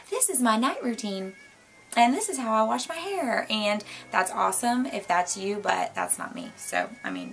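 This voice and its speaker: A young woman with a hoarse, worn voice, chatting casually at home in a rambling, bubbly way with lots of asides. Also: sits low, a bit bright, slight background noise. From Florida, US. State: hoarse, losing her voice. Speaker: beauty vlogger. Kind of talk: casual chat. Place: home, indoors. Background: light jazz music.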